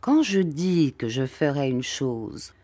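A woman reading a stern, tyrannical male schoolmaster in a slow, lowered, menacing delivery. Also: sing-song, mellow, no room sound, exaggerated voice.

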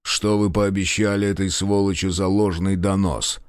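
A man's voice: low voice, flat delivery, smooth, dry recording, studio quality, close to an everyday voice. A man doing a stern commanding police chief. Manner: stern, commanding, slow and weighty.

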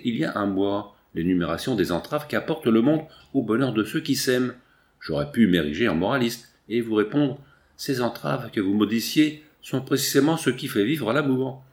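A man's voice: fairly low pitch, expressive, moderate pace, darkish tone, close to an everyday voice. A man reading a wise older mother. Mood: moralizing.

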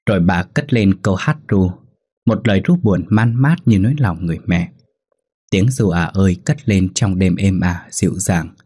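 A man tells a ghost story in a slow, somber way. His voice sits low and has a husky grain. He reads as a steady storyteller. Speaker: narrator. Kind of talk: scripted ghost story narration.

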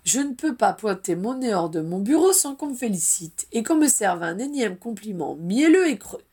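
A woman's voice: medium pitch, big pitch swings, normal speed, dark tone, slightly rough. A woman reading the lines of a modest, dutiful young man, an Auror, earnestly and plainly.

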